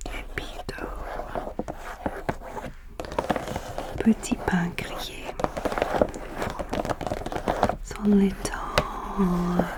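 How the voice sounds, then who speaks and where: A woman chatting informally in a soft, breathy ASMR whisper, gentle and rambling, close to the microphone. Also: fairly low pitch, low-quality recording. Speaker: ASMR video host.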